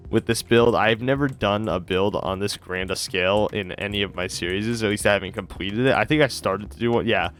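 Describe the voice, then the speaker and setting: Sick, sleepy male gameplay host, rambling and self-correcting, deep voice. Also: a bit bright. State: sick and tired, slurring words. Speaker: Minecraft series host. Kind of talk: casual gameplay commentary.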